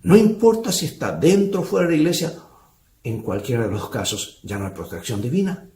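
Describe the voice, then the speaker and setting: A man's voice: mid-range voice, very animated, fairly quick, dark tone, echoey room, slight background noise. A male pastor preaching a sermon, asking rhetorical questions of the brethren.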